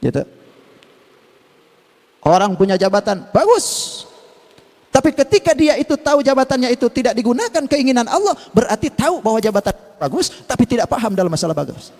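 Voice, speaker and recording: Preaching at dawn in a mosque, an Indonesian-accented man talks fast as he tells a story, moving energetically from quiet asides to loud exclamations. A long hall reverb fills the recording.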